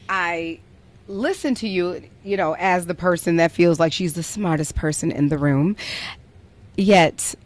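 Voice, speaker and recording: Chatty woman podcast host telling a story. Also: sits low. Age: young adult. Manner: chatty, peppered with "like", playful. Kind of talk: casual chat, storytelling.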